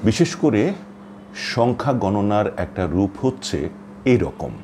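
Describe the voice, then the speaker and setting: A man giving a pronunciation lesson, speaking slowly and carefully and drawing out example words. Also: fairly low pitch, animated, mellow, a little hiss or hum. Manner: slow, careful, drawn-out word demonstrations. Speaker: pronunciation teacher. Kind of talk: instructional talk.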